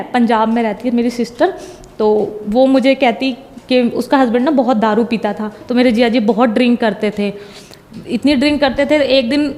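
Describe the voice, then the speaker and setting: A woman's voice: a little high, in a large hall. A young woman giving a personal religious testimony in casual storytelling, retelling conversations line by line and quoting herself and others.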